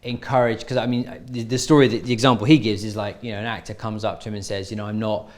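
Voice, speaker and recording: A man's voice: lowish voice, flat delivery, fast talker, a little mellow. A man interviewing an actor at a film school, asking long, winding questions.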